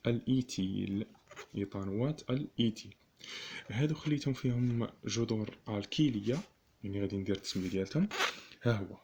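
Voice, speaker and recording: A man with a Moroccan Arabic accent teaching chemistry, repeating each term slowly and asking the class rhetorical questions. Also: medium pitch, a little mellow, a little hiss or hum. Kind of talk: classroom lesson explaining notation.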